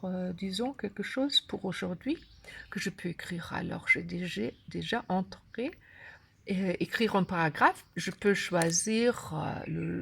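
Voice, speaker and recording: Female tutorial presenter, native German, German accent, broken hesitant French, fry in the voice, explaining step by step. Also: medium pitch. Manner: broken, halting French with grammar slips and word searching. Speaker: course creator and app instructor. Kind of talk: unscripted tutorial walkthrough.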